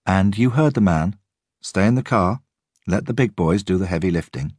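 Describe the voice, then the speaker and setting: A man voicing a female detective chief superintendent who gives brisk orders with a teasing edge. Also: lowish voice, darkish tone, dry recording, clean studio sound, voice pushed up. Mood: wry. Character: woman detective chief superintendent, dry and commanding.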